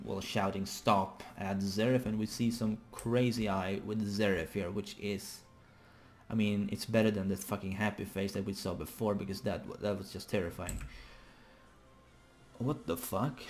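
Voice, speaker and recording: A man's voice: fairly low pitch, darkish tone. A man casually reacting live to a manga chapter, rambling as he thinks aloud and swearing freely.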